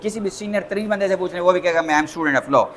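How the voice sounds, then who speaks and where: Speaking fast in a high, fairly bright voice, a male lawyer with a Pakistani accent gives an interactive lecture. He repeats his points, poses rhetorical questions, and mixes in English terms.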